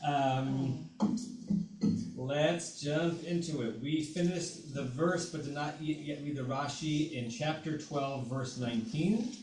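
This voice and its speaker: Distant echoey rabbi at a long table. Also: male voice, a little high, slow, a little mellow, soft background music. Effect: hollow, echoey sound from far off, like the bottom of a barrel. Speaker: rabbi teaching a weekly study class. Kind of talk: relaxed teaching with casual asides. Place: end of a long table in a meeting room. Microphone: distant room mic on a call. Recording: echoey room, distant mic, faint noise.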